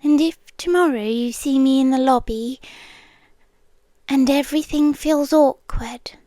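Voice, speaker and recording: A young British woman performs a scripted ASMR girlfriend roleplay, whispering softly and intimately close to the mic. Her voice is high and unhurried, with no room sound.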